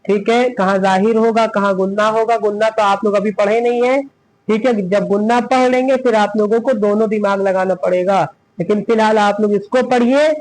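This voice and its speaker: A man's voice: sits high, fairly even intonation, normal speed, darkish tone, poor audio. A man teaching Quran reading, spelling out letters step by step and asking and answering his own questions. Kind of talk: step-by-step recitation lesson.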